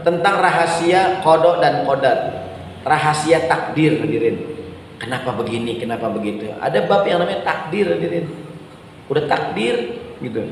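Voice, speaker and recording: A male preacher, speaking in a slightly high voice to his congregation in a loose, joking way and playing out the voices of people asking questions. The sound is heard in a large mosque hall with long, heavy reverb. A faint room noise runs underneath. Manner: humorous, chatty, acts out questioners, addresses audience often. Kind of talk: mosque sermon.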